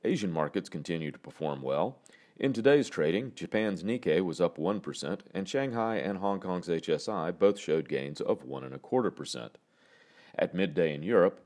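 A man hosting a morning brief, reading scripted market news in a measured, formal newsreader delivery. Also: deep voice, a little mellow.

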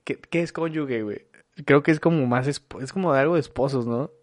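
A man's voice: medium pitch, brisk, dry recording, studio quality. A man livestreaming as he reads a book aloud and comments casually, joking and swearing. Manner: swears often, joking, reacts with laughs.

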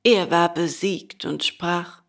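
A woman reading a children's storybook aloud, slow and expressive. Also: lowish voice, creaky. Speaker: narrator.

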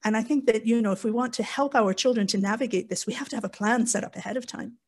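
A woman with a fairly high voice talks fast and frankly as a guest on a panel. Her candid, conversational contributions ramble through restarts and asides.

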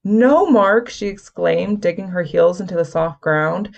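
A woman reading a novel aloud in steady scripted narration. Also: lowish voice, normal speed, gravelly, lo-fi sound. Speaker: audiobook narrator.

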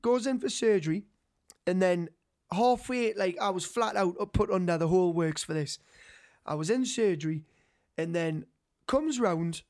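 A man's voice: sits high, normal speed, darkish tone. A young man from North East England talks in a broad Geordie accent. He tells his story casually among friends, with plenty of slang and swearing, and slips into quoted dialogue as he goes.

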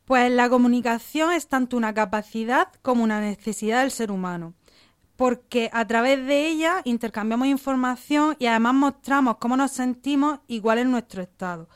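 Calm, clear-voiced psychologist woman. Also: on the high side, normal speed. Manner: calm, methodical, explaining in structured lists. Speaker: psychologist guest. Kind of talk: explanatory radio interview answers.

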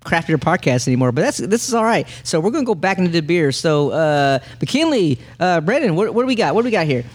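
A man's voice: a little high, sing-song, fast. A man hosting a casual podcast in an easygoing way, steering the talk with many fillers. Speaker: podcast host.

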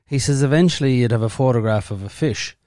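A man's voice: medium pitch, fast, warm tone, no room sound, clean studio sound. A man hosting a podcast, asking questions in a casual interview and often repeating his words as he goes. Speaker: podcast host.

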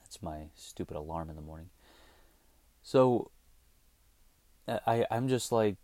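An animated man in his thirties hosts his own show, giving a casual monologue that's a blunt, swearing rant. He speaks at a measured pace in a low-pitched, mellow voice, with no echo.

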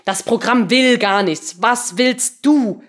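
A woman playing a shrill furious programmer. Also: expressive, normal speed. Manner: loud, high and exasperated. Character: furious young female programmer.

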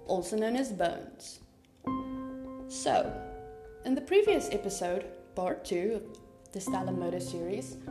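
A South African woman whose first language is Afrikaans hosts a true crime podcast from a home room with papers on the desk. Her mid-range voice sounds reverberant, and she talks in a chatty, informal way with a South African accent and rambling asides.

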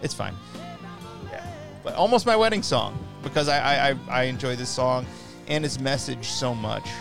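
A man's voice: medium pitch, lively intonation, moderate pace, gravelly. A man co-hosting a podcast, chatting casually in an easygoing, banter-filled way. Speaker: podcast co-host. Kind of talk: casual chat. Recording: music playing under the voice. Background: recorded music.

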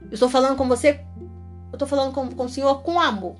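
A woman's voice: high voice, fast talker, faint music behind. A woman preaching casually and animatedly, acting out little dialogues as she talks about faith. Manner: lively, animated, acts out dialogue. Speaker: evangelical preacher. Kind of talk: casual religious talk.

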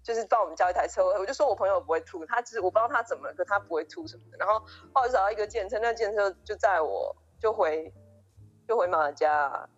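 A woman's voice: mid-range voice, lively intonation, fast talker, husky, highs cut off. A young woman co-hosting a podcast, eagerly retelling a story with many restarts and quoted dialogue. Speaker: podcast co-host. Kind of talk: casual storytelling chat.

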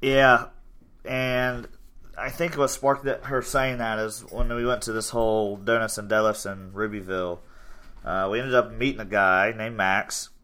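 This man in his twenties runs a gym and talks about it on his podcast in an easygoing, rambling way, full of filler words. His pitch is fairly low and his pace a little slow.

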